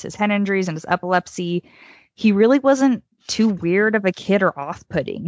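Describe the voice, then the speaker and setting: Reading from notes, a woman co-hosting a podcast tells a true-crime story in an informal, conversational manner. Her voice sits lowish, and the dry, close recording sounds dull and lo-fi.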